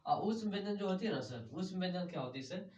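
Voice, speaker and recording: A man teaches a grammar lesson built on call-and-response drilling, posing questions, answering them himself and calling everyone sir. His high, darkish voice is animated and fast. The mic is distant and muffled in an echoey room, with a little hiss or hum.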